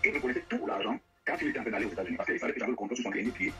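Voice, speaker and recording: A man's voice: mid-range voice, big pitch swings, very fast, gravelly, a bit bright, soft background music, poor audio. A man giving a heated personal account in an interview, insistent, often repeating and stumbling over his words. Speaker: guest telling of a money dispute with an artist.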